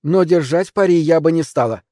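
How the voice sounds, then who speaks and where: A man's voice: fairly high pitch, fairly quick, mellow, dry recording, clean studio sound, pitched above the performer's own voice, close to an everyday voice. A man voicing a confident, headstrong young woman who speaks in a raised, insistent way. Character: bold young woman, sure-footed, headstrong.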